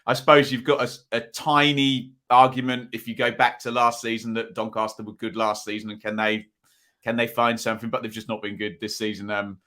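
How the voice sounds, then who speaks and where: Bright-voiced man casually weighing football bets. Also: medium pitch, level tone, a little fast. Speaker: football betting podcast co-host.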